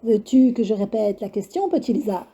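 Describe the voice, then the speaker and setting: A woman voicing a cruel, taunting, ancient skeletal witch in a storybook reading, slow and mocking in a sing-song way. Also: mid-range voice, lively intonation, mellow, slightly rough.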